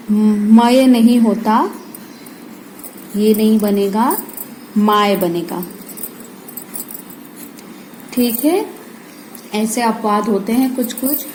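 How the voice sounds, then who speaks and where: A woman tutor, patiently teaching phonics at a slow pace, sounding out letters and repeating them. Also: mid-range voice, mellow, a little hiss or hum, rough recording. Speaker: home tutor. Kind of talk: slow phonics lesson for parents and kids.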